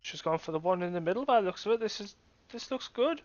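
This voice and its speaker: A dull, lo-fi recording of a man with a high-pitched voice doing live snooker co-commentary. He is conversational and opinionated, freely giving his own verdict on the play. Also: lively intonation, fast talker, darkish tone, no room sound. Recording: dull, lo-fi microphone sound.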